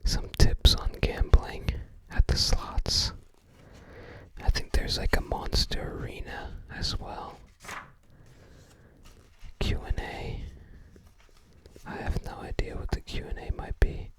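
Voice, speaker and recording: In a breathy, toneless whisper, this ASMR host leafs through a book and murmurs short, offhand thoughts. Her pace is slow, with long pauses between phrases.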